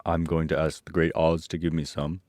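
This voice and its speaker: Man as the blunt Scarecrow, low dry voice. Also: flat delivery, brisk, darkish tone, no echo. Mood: matter-of-fact. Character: blunt, simple straw-stuffed male scarecrow.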